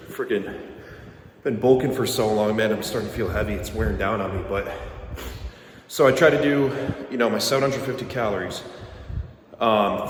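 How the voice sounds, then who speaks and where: A man's voice: lowish voice, slight background noise. A young man talking casually to camera in a bodybuilding vlog, a little out of breath, rambling with many ums and likes. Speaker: bodybuilding vlogger.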